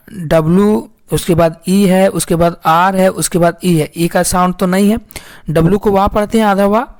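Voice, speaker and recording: A man's voice: high voice, a little mellow. A man teaching English phonics in an online lesson, repeating himself and asking questions that he then answers. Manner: repetitive, quizzing, answers his own questions.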